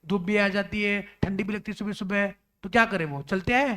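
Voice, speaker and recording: A man's voice: high-pitched, a little fast, bright, forceful tone. A man teaching a law lecture in a classroom, acting out little scenes and talking with students, mixing in English terms.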